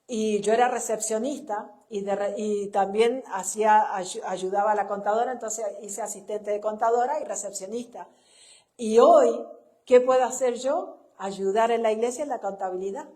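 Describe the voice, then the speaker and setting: A woman's voice: mid-range voice, normal speed, mellow. A middle-aged woman with a Chilean accent, a pastor's wife giving a conversational sermon through personal stories, often tagging her sentences with a questioning "no?". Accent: Chilean Spanish. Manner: anecdotal, tags sentences with "¿no?", laughs at own stories. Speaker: pastor's wife and church speaker.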